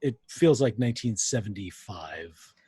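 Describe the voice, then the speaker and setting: A man's voice: fairly low pitch, lively intonation, unhurried, dark tone, slightly rough, no echo. A young adult man co-hosting a podcast in casual chat, making dry, wry remarks. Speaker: podcast co-host.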